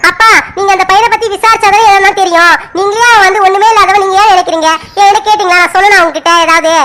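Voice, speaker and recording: A woman's voice: extremely high pitch, steady tone, pushed and bright, a little hiss or hum. A woman voicing a young unmarried village daughter in a cartoon serial, who answers her father defensively and stands up for the man she loves. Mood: defiant. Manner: pleading, defensive, quick replies.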